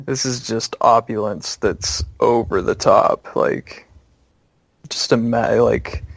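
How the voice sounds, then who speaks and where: Slow gravelly-voiced game master. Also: male voice, lowish voice, no room sound, rough recording. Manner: descriptive, many fillers and pauses. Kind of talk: narrating a tabletop game.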